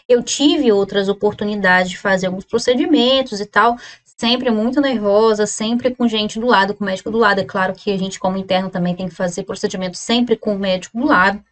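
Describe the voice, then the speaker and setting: A woman in her thirties with a Brazilian Portuguese accent, a surgeon telling a story in a casual, animated vlog style with many restarts. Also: medium pitch. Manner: chatty, animated retelling with restarts.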